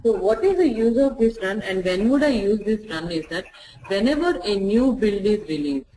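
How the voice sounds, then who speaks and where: A software testing instructor walks through a screen-share tutorial, repeating each step slowly so it is clear. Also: medium pitch, expressive, slight background noise, poor audio. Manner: repeats phrases slowly for clarity.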